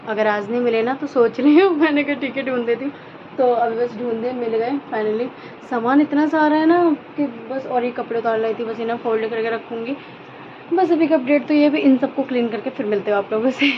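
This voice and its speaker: Woman in her 30s doing a home vlog, kinda high voice, muffled phone sound, noisy background, chatty. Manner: chatty, laughs often, narrates her chores. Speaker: vlogger. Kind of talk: casual home vlog chat. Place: home, kitchen and a relative's house. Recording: muffled phone audio with clear background noise.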